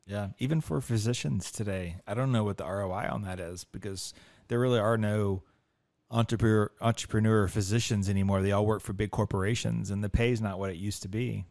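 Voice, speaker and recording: A man's voice: lowish voice, steady tone, fairly quick, darkish tone, no echo, studio quality. A middle-aged man with an American accent, hosting a casual podcast discussion. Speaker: podcast host, financial advisor.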